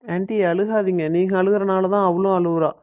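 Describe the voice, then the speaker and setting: An easygoing young husband in an amateur family drama, played by a man, with a fairly high voice. He talks on in a relaxed, friendly way. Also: fairly quick, highs cut off, natural voice. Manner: easygoing, talkative.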